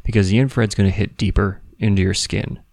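A man explains things casually on a podcast in a very low voice with plenty of gravelly fry. His intonation stays quite flat. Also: quick pace, no echo. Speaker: podcast co-host.

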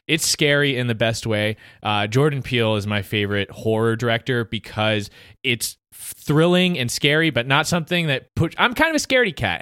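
Animated man co-hosting a movie podcast. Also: medium pitch, smooth, no echo. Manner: animated, laughs often, quick bursts. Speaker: podcast co-host. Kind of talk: casual movie review chat.

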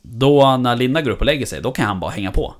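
A man's voice: medium pitch, animated. A man chatting casually about hunting dogs, rambling with many fillers and restarts. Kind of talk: casual chat.

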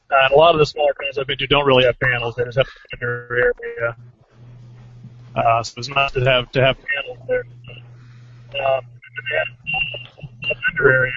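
A man's voice: medium pitch, vocal fry, slightly rough. A man chatting as a guest over a remote call, his words choppy with cut-off endings as the connection breaks up. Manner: chatty, rambling. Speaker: guest reporting on a convention. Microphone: remote call over portable Wi-Fi. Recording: dull lo-fi internet call audio.

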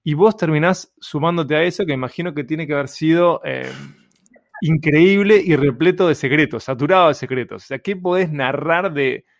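A man interviewing a guest, asking relaxed, prompting questions. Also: on the high side, moderate pace, dry recording, clean studio sound.

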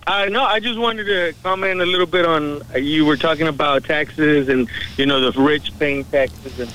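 A man phones in to a radio talk show, his voice carried over a telephone line. He speaks in a somewhat high register. His talk is earnest and rambling, full of fillers. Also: normal speed, pushed and bright, a little hiss or hum. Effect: heard over a phone line. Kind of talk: casual call-in talk.

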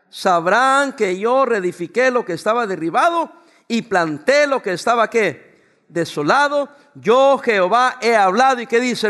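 A male pastor preaching a sermon, pausing for the congregation to finish his lines. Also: sits high, a bit bright. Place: church before a congregation.

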